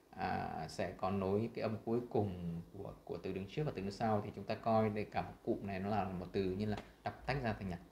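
Vietnamese man teaching pronunciation, roomy echo. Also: lowish voice. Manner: models English words slowly and loudly between explanations. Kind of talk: screen-share lesson.

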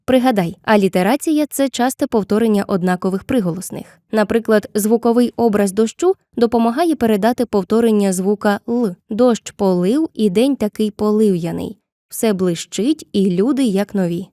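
A woman narrating a scripted literature lesson with clear, measured explanations, slowing down to read poem lines. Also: medium pitch, warm tone, no echo, clean studio sound. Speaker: teacher.

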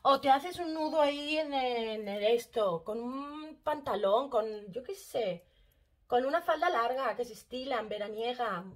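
A woman's voice: a little high, unhurried. A woman chatting casually through a makeup tutorial, talking straight to her viewers and using lots of diminutives. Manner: chatty, addresses viewers directly, fond of diminutives. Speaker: makeup vlogger.

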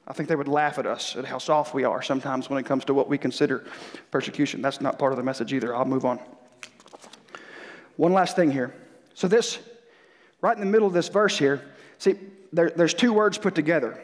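A man's voice: medium pitch, fairly quick, long pauses. A male pastor preaching a sermon in a church, talking conversationally with frequent restarts and building in intensity, a little stuffy from a cold. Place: church sanctuary. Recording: long reverb of a church hall.

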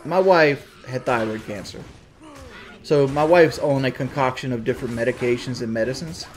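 A man's voice: medium pitch, moderate pace, slight background noise. A man with a Southern US accent chatting on a stream in a rambling, crude, defensive way. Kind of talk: casual stream chat.

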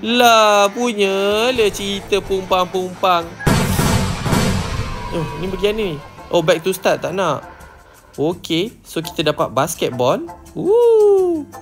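A man's voice: sits high, takes it slowly, fairly bright tone. Man doing playful Malaysian gaming commentary. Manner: playful, refers to himself in third person. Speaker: gaming channel host. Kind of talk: excited Roblox let's-play commentary. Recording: light background music.

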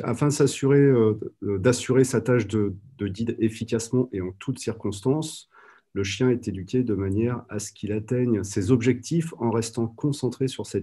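A man's voice: lowish voice, mellow, slightly rough. A man giving an online conference talk over a video call, hesitant and full of fillers. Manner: hesitant, many "euh" fillers. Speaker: guide dog trainer presenting at a conference.

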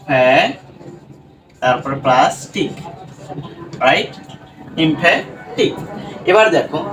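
A man teaching English pronunciation, patiently breaking words apart slowly and asking his students questions. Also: on the high side, a bit bright. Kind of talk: classroom lesson explaining English pronunciation. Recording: echoey room, voice from far off.

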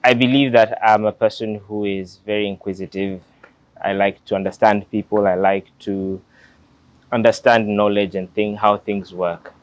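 An interview guest, a young Kenyan-accented lawyer in his late twenties, shares his story reflectively and earnestly in relaxed storytelling. His fairly low voice holds a steady tone at a moderate pace. The lapel-mic recording, made outdoors near a glass building, has no room sound.

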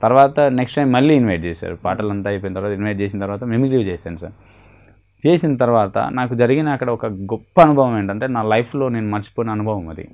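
An earnest young man with a Telugu accent who tells his story in a casual interview. His voice sits on the low side, and he acts out the lines he quotes. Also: fast talker, a little mellow. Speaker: mimicry artist guest.

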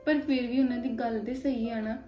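A woman playing a meek young woman taken in by a family, speaking in a soft, humble, self-effacing way. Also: fairly high pitch, fairly even intonation, a little fast, natural voice. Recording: echoey, slightly dull, faint music.

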